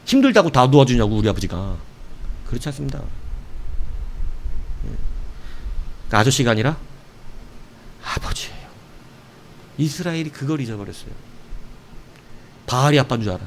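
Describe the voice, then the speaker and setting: A middle-aged male pastor preaching a sermon in a playful, animated way, acting out prayers and quotes. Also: mid-range voice, normal speed, long pauses, a little hiss or hum.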